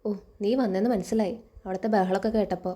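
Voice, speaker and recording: Blunt, chiding old grandmother over sixty read by a woman, mellow tone. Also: medium pitch, fairly even intonation, fast, lightly acted. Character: sharp-tongued old grandmother.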